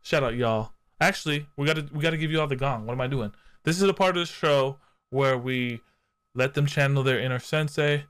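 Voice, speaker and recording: A man's voice: mid-range voice, brisk, fairly bright tone, clear, resonant tone. A man hosting a live-streamed podcast, talking in hyped, slangy banter and swearing freely. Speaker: podcast host. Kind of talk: casual live-stream chat.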